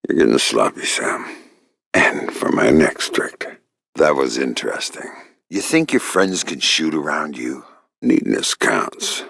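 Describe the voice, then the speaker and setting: Quiet and sardonic, a middle-aged covert operative from a video game speaks a little slowly in a rumbling, extremely low, gravelly voice that slips into breathy growls. Gruff, menacing, and wry, he gives terse deadpan lines, heavily acted in a dry, close recording without echo.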